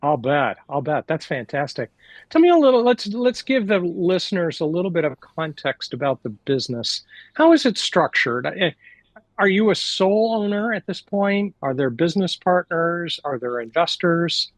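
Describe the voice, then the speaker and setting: A male podcast host with a notably high voice, recorded dry and close. He introduces his guest and asks questions in a friendly, encouraging manner. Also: big pitch swings, moderate pace, no room sound. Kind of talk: podcast interview hosting.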